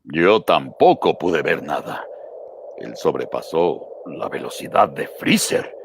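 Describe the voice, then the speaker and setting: A man voicing a stern cartoon alien warrior, grave and measured, in a noisy recording. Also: extremely low pitch, sing-song, vocal fry, pitched below the performer's own voice, full character voice. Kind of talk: cartoon dub parody.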